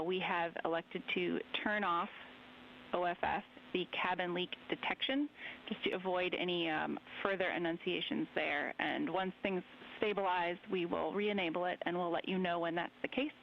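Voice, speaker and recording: A female mission control communicator speaking over a radio link in measured, procedural phrasing. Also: lowish voice. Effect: ground-to-space radio link. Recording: dull lo-fi radio line with faint hiss.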